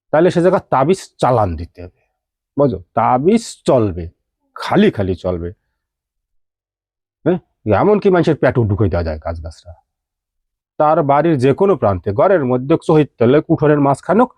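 Male ritual teacher, mellow tone, dry close sound, explains each step plainly. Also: mid-range voice, no room sound. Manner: steady step-by-step instructing, addressing listener informally. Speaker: tantric practitioner teaching rituals. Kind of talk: spoken ritual instructions.

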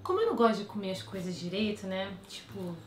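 A woman's voice: medium pitch, very animated, fast. A young woman in her twenties with a Brazilian Portuguese accent, chatting playfully with her viewers in a casual vlog. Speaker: vlogger. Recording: echoey room with faint music.

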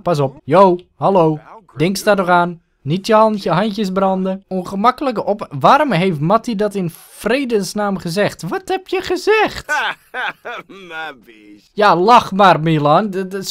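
Male gaming host, excitable, swears and laughs, pitch jumps all over. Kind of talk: let's play commentary.

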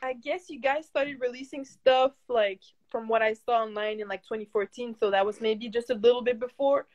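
A woman hosting a casual radio interview, nudging along with quick affirmations and follow-up questions. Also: a little high, fairly even intonation, a little mellow. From Montreal, Canada. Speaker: radio host.

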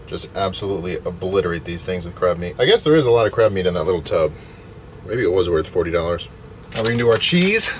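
A young man vlogging as he cooks in a small camper van kitchen, relaxed and chatty. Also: deep voice, fast. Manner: relaxed, chatty, talks while cooking. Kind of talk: casual cooking vlog. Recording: noisy camper van recording.

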